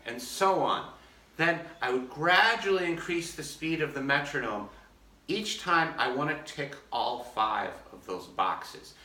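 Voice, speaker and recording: A man talking through his practice method in a friendly, methodical way, his voice bright and forward. He is filmed on a phone set back from him, so the room sounds echoey and distant. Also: a little high, animated, unhurried, a little hiss or hum. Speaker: orchestra concertmaster. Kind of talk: casual practice demonstration.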